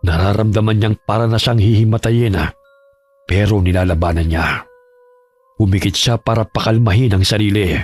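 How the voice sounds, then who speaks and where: Casting: husky man, low voice, steady horror story narration. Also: normal speed. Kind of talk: scripted narration.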